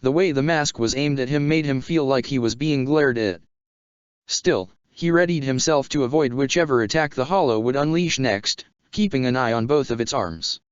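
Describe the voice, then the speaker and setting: A man reading a fan fiction story aloud in a steady, even way. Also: mid-range voice, moderate pace, smooth, no room sound. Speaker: narrator. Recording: dull lo-fi sound.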